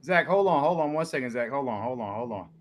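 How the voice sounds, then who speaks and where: A man hosting a livestream panel in a calm, easygoing way. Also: mid-range voice, fast talker. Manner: calming, easygoing. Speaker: panel host.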